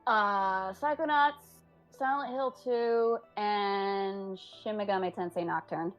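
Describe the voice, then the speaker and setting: A woman's voice: medium pitch, slow pace, lo-fi sound, faint music behind. A woman voice actor answering interview questions in a chatty, modest way. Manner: modest, chatty, laughs easily. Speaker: voice actor guest.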